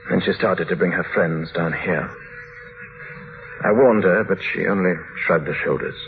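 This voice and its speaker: On a muffled, noisy vintage radio recording, a male actor in an old radio drama plays a tormented husband. In a low-pitched voice, he makes a grave, halting, dramatic confession, sounding bitter and tormented.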